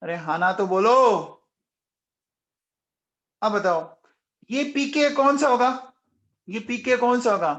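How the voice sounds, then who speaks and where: High-voiced man teaching chemistry, echoey. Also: expressive, moderate pace, dull audio. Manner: coaxing, repeatedly quizzing students; raises voice, says he is shouting nonstop. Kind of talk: live online class lecture.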